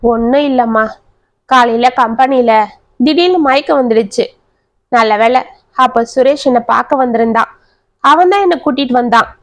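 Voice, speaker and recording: A worn-out husband who keeps reassuring everyone in a low, slow, soft way, as a woman storyteller puts him on. The reading is close and dry, with the voice still fairly high. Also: no room sound, lightly acted. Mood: weary. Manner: soft, reassuring, speaks slowly. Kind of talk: storybook narration.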